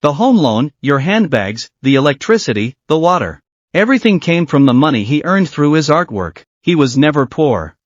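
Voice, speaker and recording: A man's voice: a little high, big pitch swings, moderate pace, dry recording. Man narrating a dramatic recap. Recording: dry, dull lo-fi voice.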